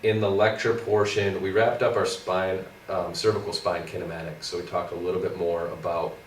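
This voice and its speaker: Brief: congested, nasal young man, deep and flat, recorded from across an echoey room with faint noise. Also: moderate pace. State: congested, scratchy throat from a cold. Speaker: co-host, physical therapy student. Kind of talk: casual study recap. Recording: roomy, far from the mic, faint noise.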